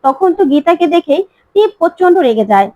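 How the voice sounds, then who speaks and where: A woman's voice: very high-pitched, sing-song, fairly quick, mellow, no room sound, muffled recording. A woman narrating a recap of a TV serial episode, telling the plot and voicing every line herself. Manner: plain storytelling, all dialogue voiced herself.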